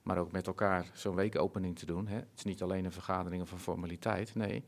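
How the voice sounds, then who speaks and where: Earnest, low-voiced Dutch-speaking man. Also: steady tone, quick pace. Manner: earnest, reflective, many fillers and restarts. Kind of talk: conversational interview.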